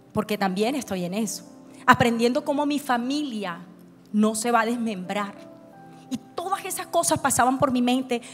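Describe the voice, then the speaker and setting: A woman pastor, preaching an emotional testimony at a conference and acting out her own past words. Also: on the high side. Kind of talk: conference sermon with personal testimony. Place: large church hall. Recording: church hall reverb with soft music.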